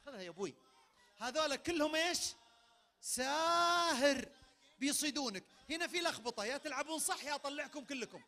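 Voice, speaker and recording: In a big event tent, a man with a Saudi accent hosts a crowd party game at a public event, speaking into a handheld mic. His very high-pitched voice comes rapid-fire and full of energy as he barks sudden commands.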